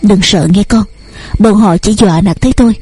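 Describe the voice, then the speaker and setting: A woman's voice: mid-range voice, moderate pace, warm tone, husky, no echo, soft background music, close to an everyday voice. A woman voicing a worried middle-aged mother who soothes and questions her daughter. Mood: anxious. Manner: soothing, urgent.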